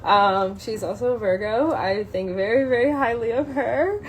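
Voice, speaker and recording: This livestreamer, a young adult woman, chats casually and without a script as she introduces a book reading, her speech slangy, hesitant, and self-conscious. Her fairly high voice moves at a normal speed, though the audio is poor with slight background noise.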